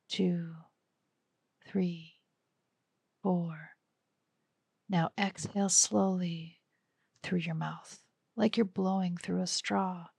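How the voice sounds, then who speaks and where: A woman guiding a breathing meditation, speaking softly and often whispering as she counts breaths. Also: fairly low pitch, vocal fry, slightly rough, no room sound. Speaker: meditation guide.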